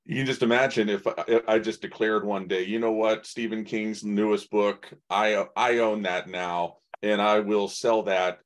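A man's voice: fairly low pitch, fairly even intonation, unhurried, few pauses. A man in his forties hosting an online conference interview, chatty, with lots of fillers and restarts. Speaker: host. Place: indoors in front of a branded backdrop. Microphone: webcam video call.

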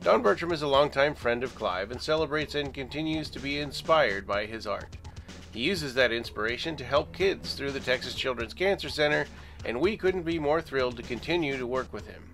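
A man's voice: medium pitch, lively intonation, brisk, a bit bright, faint music behind. A man reading a scripted podcast intro and sponsor message. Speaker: podcast announcer.

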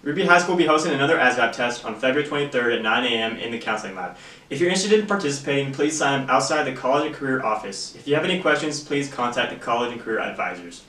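A man's voice: medium pitch, lively intonation, rapid-fire, sharp tone. A teenage young man co-anchoring school announcements, reading the news items from a script. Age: teens. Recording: echoey room, distant mic.

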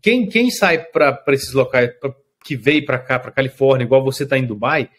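A man from Brazil who runs a food truck, chatting in an interview and telling lively stories, acting out his customers and often checking that the listener follows. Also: medium pitch, normal speed. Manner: lively storyteller, acts out customers, keeps asking "entendeu?". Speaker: food truck owner and chef. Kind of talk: casual interview chat.

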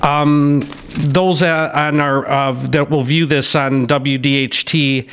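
A man's voice: a little high, fairly even intonation, slow pace, a bit bright, a little hiss or hum. A middle-aged man, a city staff member, reading budget figures from his notes at a public hearing, with some "uh" fillers and restarts. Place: city council chamber, indoors. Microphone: podium microphone.

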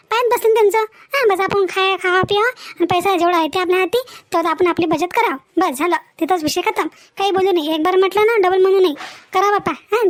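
A woman's voice: very high-pitched, no room sound, clean studio sound. A woman voicing a blunt, scolding older village woman in a cartoon. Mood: firm. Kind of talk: cartoon voice acting.

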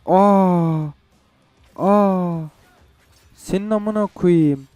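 A man's voice: high voice, very slow, a little mellow, clear, resonant tone, no echo, soft background music. A young man playing a game and commenting, frustrated and swearing as he goes. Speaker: gamer. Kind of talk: gameplay commentary.

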